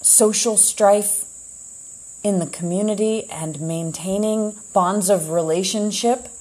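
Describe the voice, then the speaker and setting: A woman hosting her own show, speaking in a slow, meandering, introspective monologue with long pauses. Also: mid-range voice, warm tone, poor audio. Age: adult, heard as a child in the 80s. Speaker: podcast host.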